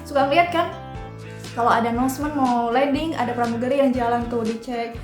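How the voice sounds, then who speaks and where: A woman's voice: on the high side, steady tone, brisk. A woman giving a casual, instructive explainer, informally addressing viewers directly. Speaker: vlogger explaining cabin crew procedures. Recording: roomy echo, music behind.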